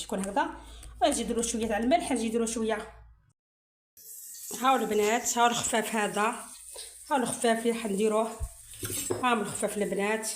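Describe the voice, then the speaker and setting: A middle-aged Algerian woman talks her viewers through a recipe in a casual, chatty way, looping back over the same phrases as she works. Her voice sits a little high, and it echoes around a roomy home kitchen. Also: a little hiss or hum. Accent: Algerian Arabic. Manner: chatty, repeats phrases, keeps addressing the viewers as "girls". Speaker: cooking channel host. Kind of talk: casual cooking tutorial. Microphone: phone camera, filming herself. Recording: roomy echo.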